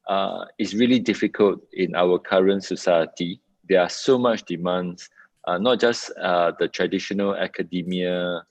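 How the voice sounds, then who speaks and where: A man, a psychiatrist on a webinar panel, explaining in a measured way with occasional fillers. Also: sits low, no echo. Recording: dull dry video call audio.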